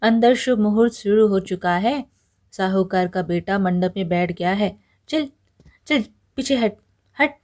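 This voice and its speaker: A woman's voice: mid-range voice, unhurried, a little mellow, close to an everyday voice. Woman voicing rude mansion guards. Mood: scornful. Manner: rude, dismissive. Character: rough male mansion guards, scornful.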